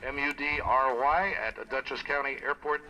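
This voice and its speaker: A man's voice: mid-range voice, fairly even intonation, normal speed, sharp tone. A man giving folksy live airshow commentary, counting off and calling out maneuvers as they happen. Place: outdoor airshow. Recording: noisy outdoor PA with aircraft engines. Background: propeller aircraft engine noise.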